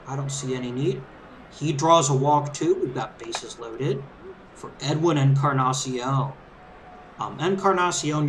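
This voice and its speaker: A man's voice: mid-range voice, noisy background. A man giving casual, conversational, easygoing commentary as he hosts a let's play of a game. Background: video game crowd ambience and background music.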